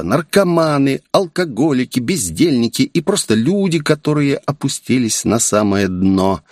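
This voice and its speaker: Male narrator, audiobook reading, animated pitch, dry close sound. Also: no room sound. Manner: expressive storytelling. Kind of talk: scripted narration.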